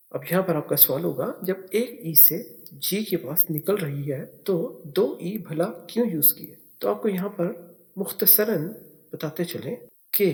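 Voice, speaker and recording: Guy with teaching english words, spells em out slow, kinda high voice. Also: darkish tone. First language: Urdu. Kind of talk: spelling and pronunciation lesson.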